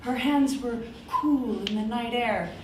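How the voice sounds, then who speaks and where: A woman improvising a story live on stage, narrating in a dramatic, halting way. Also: on the high side. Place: theatre stage. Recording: echoey noisy theatre from far off.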